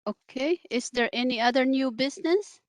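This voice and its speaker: A woman runs a committee meeting on a conference call. Her voice is smooth and clean, pitched a little high. The sound is dry, with no room echo. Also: normal speed. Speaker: meeting chair. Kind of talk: semi-formal chairing of an online committee meeting.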